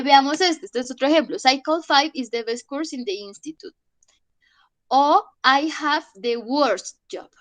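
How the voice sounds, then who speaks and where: Slow, patient woman teacher. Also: a little high, dry recording. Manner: patient, checks understanding with frequent "listo?". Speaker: English teacher. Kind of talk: online class explaining grammar.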